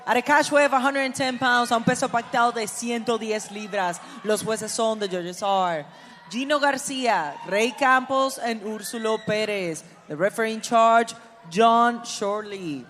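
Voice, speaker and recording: A woman's voice: a little high, normal speed, fairly bright tone, some chatter behind, slight background noise. A woman making bilingual English and Spanish ring announcements in a formal, showy manner, drawing out names. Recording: long hall echo over arena speakers.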